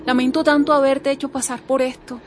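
A woman's voice: high voice, level tone, fairly quick, a little hiss or hum, lightly acted. A woman playing a heartbroken widow. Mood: sad. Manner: heartbroken, tearful. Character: grieving widow, middle-aged woman. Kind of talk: dramatic acting.

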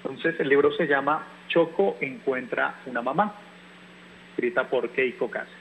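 A male teacher reads a children's storybook aloud at a plain middle pitch. He sounds calm and a little hesitant whenever he talks off the page. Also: moderate pace, narrow, tinny audio, a little hiss or hum.

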